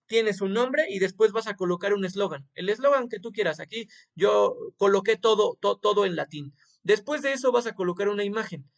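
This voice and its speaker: A man walks a student through an assignment in a screen-recorded tutorial lesson. His voice sits high with a gravelly edge, and he keeps it informal, tossing in quick tag questions as he goes. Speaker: teacher.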